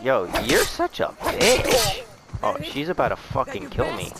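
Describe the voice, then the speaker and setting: A young man giving profane let's play commentary, muttering low and then shrieking in panic. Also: wildly swooping pitch, a little slow, very noisy. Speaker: gamer.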